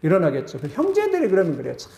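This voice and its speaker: A male pastor preaching a sermon, retelling a story with animated emphasis and repeated phrases. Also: high-pitched, rapid-fire, vocal fry, reverberant.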